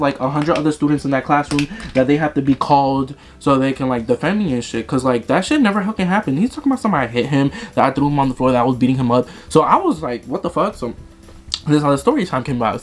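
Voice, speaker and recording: A man's voice: medium pitch, animated, quick pace, soft background music. A young man vlogging, telling a dramatic, profane story in a casual way while he does his makeup.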